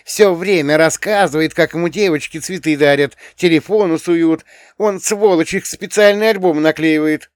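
A spirited teenage girl, blunt and proud, her voice pitched high and pushed loud. She scolds with quick indignation, as a male reader puts her on for an audiobook. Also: dry recording, studio quality, close to an everyday voice. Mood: indignant.

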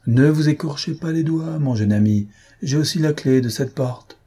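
A man's voice: normal speed, mellow, slightly rough. A man voicing a menacing, brutal male court clerk who hammers out his syllables. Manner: hammers syllables, low and hard.

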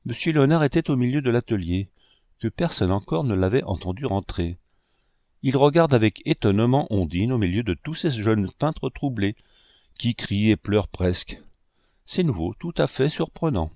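A man narrating a classic novel aloud in a measured, expressive way. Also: mid-range voice, no echo, clean studio sound. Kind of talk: audiobook reading.

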